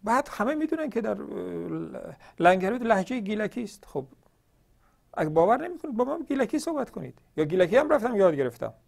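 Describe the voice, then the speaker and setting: Gravelly, animated man, rhetorical and emphatic. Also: high-pitched. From northern Iran. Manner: emphatic and argumentative, full of rhetorical questions. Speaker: host of a religious question-and-answer program. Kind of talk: televised polemical monologue.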